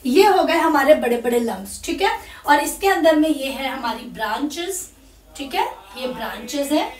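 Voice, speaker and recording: A woman's voice: high-pitched, roomy sound, distant mic. A woman teaching a science lesson as she draws a diagram, often calling her viewers "my children" and checking that they follow. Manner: addresses viewers as "my children", checks understanding with "okay?". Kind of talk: classroom lesson while drawing a diagram.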